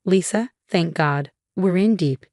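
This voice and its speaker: A woman's voice: fairly low pitch, takes it slowly, a little mellow, dry recording, clean studio sound. A woman voicing a panicked male business partner with a trembling voice, in a storybook narration. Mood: frantic.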